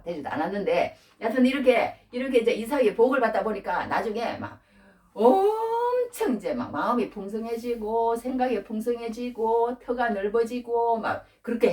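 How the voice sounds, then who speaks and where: A woman's voice: medium pitch, a little mellow, far from the mic. A middle-aged woman preacher giving an informal sermon, chatty and acting out everyday scenes with frequent laughter. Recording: roomy church sound, voice from off the mic.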